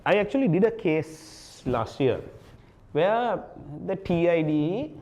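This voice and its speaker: A man's voice: high voice, sing-song, slow pace, darkish tone. A man with a Sri Lankan accent, a lawyer explaining points and telling anecdotes as an interview guest, with emphatic phrasing.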